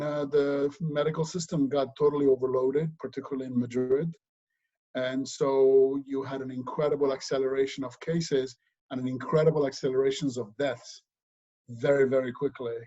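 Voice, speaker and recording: A middle-aged Spanish man with a mid-range voice is a guest in a casual remote interview, speaking in a relaxed way full of pauses and fillers. It's recorded over a video call, and the lo-fi audio sounds dull.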